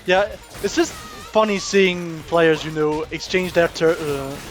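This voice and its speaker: A man co-commentates a live online fighting game. He speaks softly and haltingly, with many fillers and restarts, in a fairly high voice. Faint music plays beneath him. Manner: soft-spoken, hesitant, many fillers. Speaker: esports caster.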